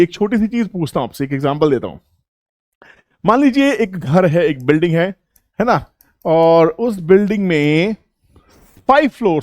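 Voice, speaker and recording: A man's voice: a little high, darkish tone, no echo, clean studio sound. A man teaching viewers. He asks them questions and answers them himself, coaxing them along. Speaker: trading educator. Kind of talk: explaining to viewers.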